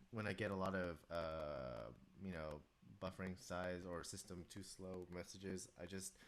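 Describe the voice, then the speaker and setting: While composing music on a livestream, a man with a stuffy nose and sore throat chats casually and reads viewers' messages aloud. His voice is low-pitched and a bit bright.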